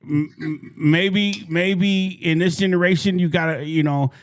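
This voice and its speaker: A man hosting a casual sports talk show, folksy, clearing his throat often and repeating words as he starts. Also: sits high, fairly even intonation, a little slow. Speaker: podcast host.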